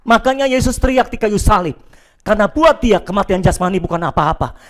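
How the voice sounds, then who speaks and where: A male pastor preaching a sermon to a church and viewers at home, emphatic, dropping between loud declarations and quiet asides. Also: sits high, animated, a little fast.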